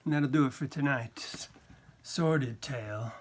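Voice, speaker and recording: Hushed male storyteller. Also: medium pitch, unhurried. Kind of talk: dramatic story reading.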